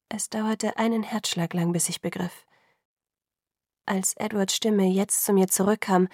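A woman narrating an audiobook in the first person, measured and sometimes hushed. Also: mid-range voice, no echo, studio quality.

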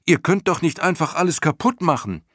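A man voicing an indignant young boy in a storybook, shouting in alarm. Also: a little high, sing-song, brisk, no room sound, studio quality, voice pushed up. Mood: upset. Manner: shouting, upset.

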